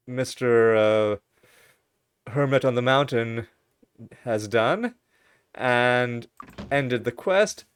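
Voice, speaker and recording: A man's voice: medium pitch, clear, resonant tone. A man hosting a let's play, talking through a game casually with wry, rambling asides and frequent self-corrections. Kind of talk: casual gameplay commentary.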